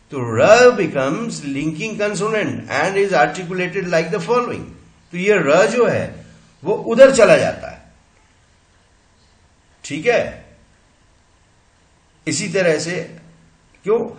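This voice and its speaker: A man lecturing on English pronunciation, drawing out his examples slowly and switching between languages. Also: high-pitched. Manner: slow, drawn-out examples, switching languages mid-sentence. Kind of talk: recorded English phonetics lecture. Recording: echoey room.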